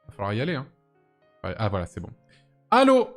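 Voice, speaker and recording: A man's voice: on the low side, wildly swooping pitch, quick pace, faint music behind. A man hosting a live stream, chatting casually with lots of fillers and teasing his guests. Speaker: streamer host.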